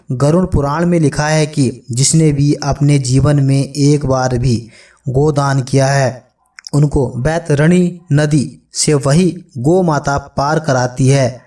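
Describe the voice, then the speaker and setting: Slow, flat-voiced male narrator. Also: mid-range voice, distant mic. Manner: solemn, measured storytelling addressed to friends. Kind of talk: scripted religious narration.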